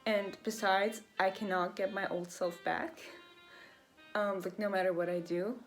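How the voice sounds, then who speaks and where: A woman's voice: mid-range voice, fairly even intonation, measured pace. A young woman vlogging in a casual, rambling way, full of fillers as she thinks aloud. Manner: chatty, rambling, lots of fillers. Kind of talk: casual reflective vlog. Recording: faint jazz music behind. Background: faint jazz music.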